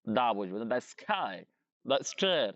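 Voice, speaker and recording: A man's voice: mid-range voice, big pitch swings, very slow, a bit bright, dry recording. Man, Bangladeshi Bengali accent, teaching English grammar, repeats points, dry dull sound. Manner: asks and answers his own questions, repeats key points. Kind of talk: online English grammar lesson.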